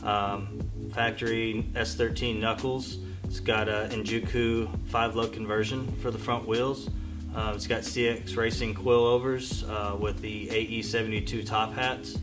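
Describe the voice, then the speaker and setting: A man in his thirties reciting the parts list of his car build in a steady, matter-of-fact way, with frequent "uh" and "um". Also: medium pitch. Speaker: car owner. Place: garage shop, indoors.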